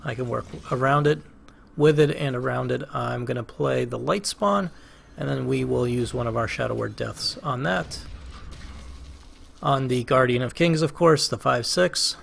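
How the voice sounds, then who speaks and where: A man with a Boston accent talks through a card game at his desk mic, weighing each move aloud with plenty of pauses and second guesses. His voice sits at a middling pitch with a gravelly, creaky edge. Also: fairly bright tone, slight background noise. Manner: thinking aloud, hesitant, self-questioning. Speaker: gaming channel host. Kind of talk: casual let's play commentary.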